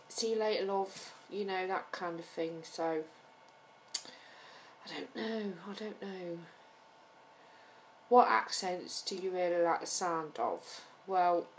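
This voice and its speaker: East Midlands English woman, unhurried chatty talk, faint background hiss, home camera recording. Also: low voice. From England. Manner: chatty, hesitant with frequent ums. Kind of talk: casual accent-tag video.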